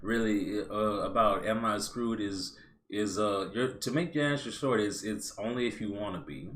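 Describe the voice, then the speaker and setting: A man's voice: on the low side, normal speed, fairly bright tone. A man chatting as a guest, talking in a playful, colloquial, joking way. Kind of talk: casual chat.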